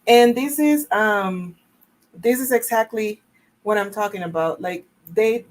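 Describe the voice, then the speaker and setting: A woman's voice: mid-range voice, measured pace, low-quality recording. A woman from El Salvador, co-hosting a live stream, talking earnestly and at length with many fillers. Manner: earnest, apologetic, filler-heavy. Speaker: co-host answering live chat. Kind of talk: casual livestream chat.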